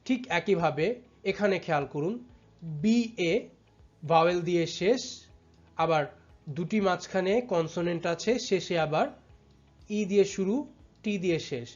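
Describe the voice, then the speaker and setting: A teacher giving a step-by-step lesson, patiently repeating words and drawing them out slowly syllable by syllable. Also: medium pitch, a little mellow. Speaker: English teacher. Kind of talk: step-by-step tutorial explanation. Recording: slightly dull audio with faint background music.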